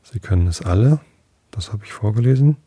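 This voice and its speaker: A man's voice: fairly low pitch, expressive, a little fast, mellow, husky, no echo. A man reading a storybook aloud who keeps losing his place, apologizes and restarts lines.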